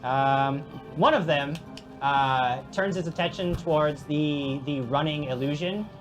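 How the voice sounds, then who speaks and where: A man's voice: on the high side, a little slow, faint music behind. A man running a tabletop game as game master and patiently explaining the rules.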